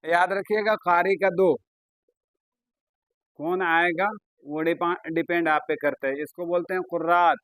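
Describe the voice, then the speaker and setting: This is a man with an Urdu accent leading a grammar lesson in class. His voice sits high. The sound is dry and close. He repeats key points and stops to put questions to his students. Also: steady tone, a bit bright, no echo, rough recording. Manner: repetitive, questioning students, drawn-out explaining. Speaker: Urdu teacher.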